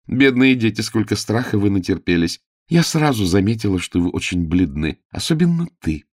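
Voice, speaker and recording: In a studio-quality recording with no echo, a man with a lowish, sing-song voice speaks at normal speed, pitching himself above his own voice. Reading a storybook for an audiobook, he plays a beautiful, melodious noble lady whose sweet, coaxing sing-song tone hides cruelty.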